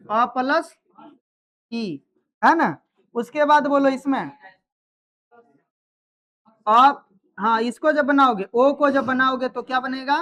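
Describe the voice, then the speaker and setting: A woman teaching a grammar class, quizzing students and checking that they follow. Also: high voice. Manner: quizzes students, repeats answers, checks understanding. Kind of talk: live classroom lesson.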